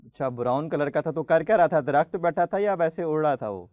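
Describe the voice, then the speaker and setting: A man hosting a children's program, patiently quizzing the kids and slowly spelling out letters for them to pronounce. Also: fairly high pitch, animated, no room sound, phone-quality sound. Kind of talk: friendly studio hosting for children.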